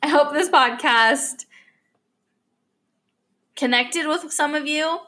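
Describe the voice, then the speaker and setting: A young woman hosts an unscripted, casual podcast monologue in a high-pitched, sharp voice at a slow pace. Somewhat choked up, she rambles along with frequent fillers and restarts.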